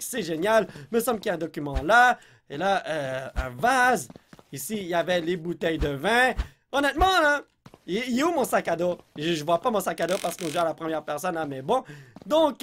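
A man with a Québécois French accent commentating a game in an excitable, jumpy way. His voice sits high and swings widely up and down, and he blurts out English exclamations whenever something surprises him. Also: slight background noise. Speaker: let's play host. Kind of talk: gameplay commentary.

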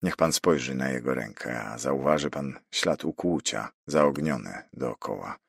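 A man voicing a calm, shrewd gentleman detective who speaks quietly and with assurance, in an audiobook reading. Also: a bass voice, measured pace, gravelly, breathy edge, no room sound, clean studio sound, heavily acted.

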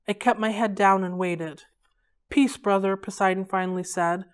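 Smooth-voiced woman reading a novel aloud. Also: medium pitch, steady tone, moderate pace. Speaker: library read-aloud host.

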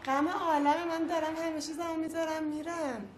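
A woman's voice: very high voice, level tone. A woman musing in casual chat, reflective and unsure. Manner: reflective, uncertain. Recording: echoey room with background noise.

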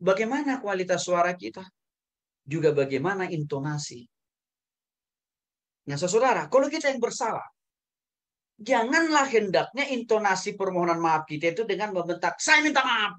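Quick "ya"s and "saudara"s pepper this pastor's animated lecture to his Bible school students. He shifts constantly from loud, forceful peaks to soft, low remarks.

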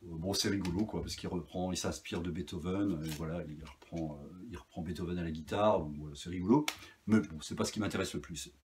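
A man's voice: deep voice, brisk, a little mellow, slight background noise. A man casually reviewing his vinyl finds, chatty and rambling with many fillers and restarts. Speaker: record collector vlogger.

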